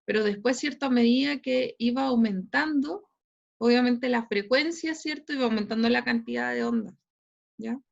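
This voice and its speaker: A Chilean woman teacher lectures her online class in a fairly high voice and checks in with a rising tag after nearly every phrase. Her audio comes through dull and lo-fi. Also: normal speed, creaky. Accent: Chilean Spanish. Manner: tags nearly every phrase with a questioning "¿cierto?" or "¿ya?".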